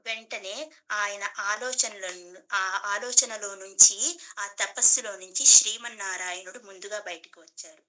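A woman's voice: mid-range voice, a little slow, sharp tone, low-quality recording. A woman giving a devotional storytelling talk as a teacher, asking rhetorical questions and answering them.

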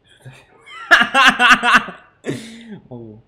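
Excitable young-sounding French gamer with a bright voice. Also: male voice, mid-range voice, normal speed. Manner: excitable, swings from muttering to sudden shouts; swears casually, jokey asides. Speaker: gaming streamer. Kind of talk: casual let's-play commentary.

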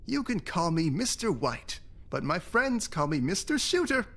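A game's creepy photography teacher, all syrupy charm. His voice swoops up and down in a lively, sing-song way while staying smooth and ingratiating. Every friendly word sounds a little too pleased with itself. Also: sits high, measured pace, exaggerated voice. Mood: falsely cheerful. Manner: smooth, falsely chipper, ingratiating. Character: creepy overly cheerful male photography teacher. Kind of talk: video game voice acting.

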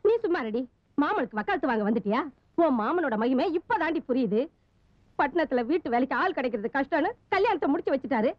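A woman's voice: sits high, lively intonation, fast, dry recording. A fierce scolding mother. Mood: scornful. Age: middle-aged. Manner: sharp, scornful tirades. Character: fierce middle-aged mother, bitter and scolding. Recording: dull old film soundtrack.

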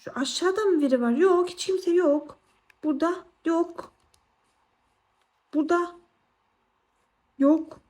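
A young woman chatting casually to viewers while playing a game, excitable and quick to exclaim. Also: extremely high pitch. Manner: excitable, exclaims and squeals often. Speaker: gaming vlogger. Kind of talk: casual gameplay commentary.

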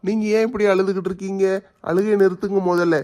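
A man's voice: sits high, steady tone, fast, warm tone. A man playing a kind, reassuring father-in-law in a family skit. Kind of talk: family comedy skit acting.

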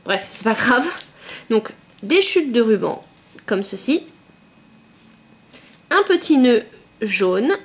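A woman's voice: a little high, very animated, slow pace, long pauses, fairly bright tone. A woman vlogger chatting casually as she unboxes craft supplies at home, often saying euh and hop. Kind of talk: casual unboxing show-and-tell.

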